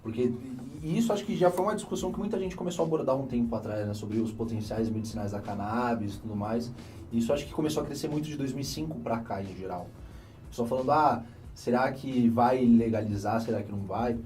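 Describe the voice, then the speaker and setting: A young Brazilian man with a Brazilian Portuguese accent, hosting a casual conversation and thinking aloud with animated restarts. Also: medium pitch, quick pace, faint music behind. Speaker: host. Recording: voice a bit distant from the mic.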